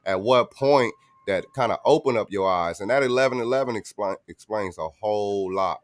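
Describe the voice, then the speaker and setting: A man hosting a podcast interview, talking in a relaxed, slangy way. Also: fairly low pitch, normal speed, no echo. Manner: relaxed, slangy, says "bro" often. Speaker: podcast host.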